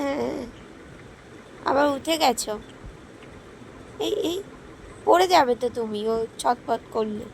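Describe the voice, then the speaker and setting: Hoarse woman in slow baby talk. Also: high voice, darkish tone, a little hiss or hum. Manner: slow, sing-song questions to a baby. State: hoarse, with a cough. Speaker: mother talking to her baby son. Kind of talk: baby talk, gentle teasing and scolding.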